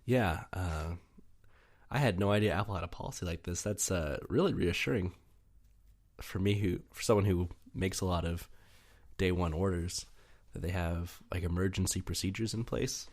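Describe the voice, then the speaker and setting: A young man with a deep, low voice co-hosts a podcast. He chats casually and rambles through his stories, full of fillers and easy laughter. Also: moderate pace, a little mellow. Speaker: podcast co-host. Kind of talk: casual chat.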